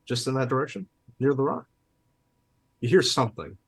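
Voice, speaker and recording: A man narrating and making rulings as game master, in a relaxed, easygoing way. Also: mid-range voice, normal speed, breathy edge, dry recording.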